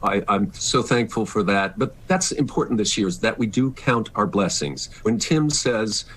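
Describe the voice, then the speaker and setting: Over poor audio from a remote video call, an animated man with a lowish, fairly bright voice talks at a moderate pace. He's a middle-aged or older stage actor giving a casual, reflective interview, earnest and expressive throughout.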